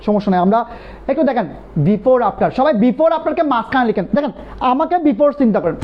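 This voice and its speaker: Animated man drilling a grammar class. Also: very high-pitched. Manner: animated, repetitive drilling, calls students brother. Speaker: English grammar teacher. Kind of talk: live online class. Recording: dull lo-fi live stream audio.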